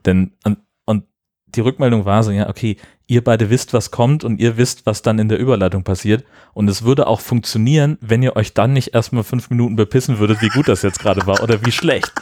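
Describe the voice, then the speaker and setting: A man with a low voice co-hosts a relaxed podcast conversation. He talks casually and asks follow-up questions. The sound is dry and close to the mic. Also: fairly quick, no room sound. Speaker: podcast co-host. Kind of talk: casual chat.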